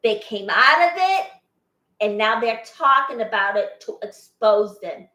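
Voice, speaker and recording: A woman's voice: a little high, lively intonation, unhurried, pushed and bright, echoey room. An older woman born in Boston to an Armenian family, chatting in a rambling way and laughing often as she hosts a cooking vlog in her home kitchen. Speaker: cooking channel host. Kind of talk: casual cooking vlog chat.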